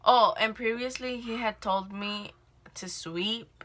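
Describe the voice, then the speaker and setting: Bright-voiced young woman rambling a storytime. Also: on the high side, slow pace. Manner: rambling, filler-heavy, frequent swearing. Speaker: vlogger telling a work story. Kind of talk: casual storytime vlog. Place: indoors at home, doing makeup.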